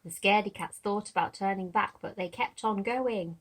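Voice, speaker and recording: Storybook narrator, woman, husky mid-pitched voice, gentle and engaging for kids. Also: moderate pace, poor audio. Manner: gentle, asks young listeners to look at the pictures. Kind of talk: read-aloud of a children's picture book.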